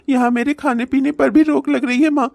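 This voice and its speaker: A woman's voice: high-pitched, a little fast, a little mellow, no echo, studio quality, close to an everyday voice. A woman voicing a sly, unemployed young brother-in-law who whines and fake-sobs in a cartoon comedy. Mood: fake crying. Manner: fake sobbing, whiny.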